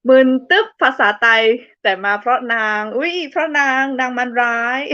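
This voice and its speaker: Here a young woman with a fairly high, sharp-toned voice runs a relaxed live stream, giggling as she reads out comments from viewers. She keeps things playful, breaking into laughter between remarks, over audio with no room sound and clipped highs.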